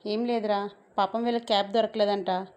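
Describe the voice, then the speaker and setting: A woman's voice: medium pitch, little pitch movement, normal speed, natural voice. A woman voicing a kind but firm middle-aged mother who sorts things out in a romance story. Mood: kindly. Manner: gentle but commanding.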